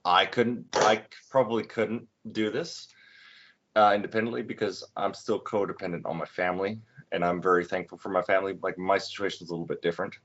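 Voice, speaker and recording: Halting young man hosting a casual chat. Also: low-pitched, steady tone, a bit bright. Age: 20s. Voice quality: halting, many restarts and fillers. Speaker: podcast host. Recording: dull lo-fi recording.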